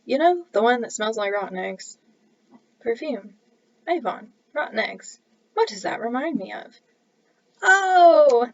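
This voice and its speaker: Woman author reading her story aloud, playful; gravelly voice, dull lo-fi, dry sound. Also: medium pitch, no room sound. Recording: dull lo-fi recording.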